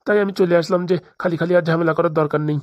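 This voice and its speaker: A woman's voice: on the low side, steady tone, rapid-fire, no echo, highs cut off, lightly acted. A woman voicing a fretful middle-aged father who pleads at length for his only daughter in a cartoon. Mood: aggrieved. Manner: pleading, rambling complaints. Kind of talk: cartoon voice acting.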